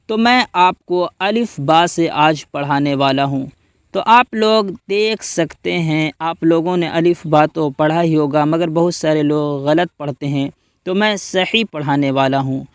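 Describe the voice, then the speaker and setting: A man's voice: fairly high pitch, clean tone, no room sound, clean studio sound. A man teaching Quran reading step by step, patiently spelling out each letter and asking listeners to repeat after him. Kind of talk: step-by-step recitation lesson.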